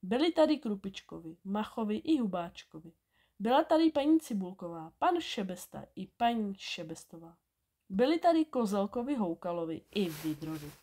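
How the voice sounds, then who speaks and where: Animated woman reading a bedtime story. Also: mid-range voice.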